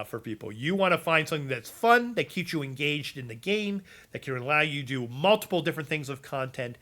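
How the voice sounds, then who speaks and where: A gaming content creator chats casually about game builds, rambling with lots of fillers and restarts as his voice gives out. His pitch is fairly high, and his voice sounds pushed and bright.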